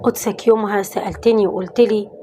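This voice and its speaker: Woman voicing a reformed thief, middle-aged man, Egyptian accent, pleading confession, medium-pitched voice. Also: fairly even intonation, quick pace, warm tone, faint music behind, close to an everyday voice. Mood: remorseful. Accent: Egyptian Arabic.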